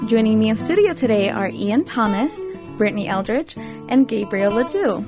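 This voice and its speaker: Over background music, a Chilean host aged eighteen moderates a studio panel of young people. Her voice sits fairly high with lively intonation, and her delivery stays unhurried and reflective.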